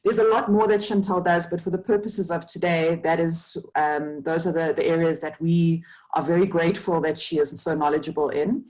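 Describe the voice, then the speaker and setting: A woman's voice: on the low side, fairly even intonation, moderate pace, a little mellow, rough recording. A woman moderating a webinar, introducing the guests hesitantly with many fillers. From South Africa.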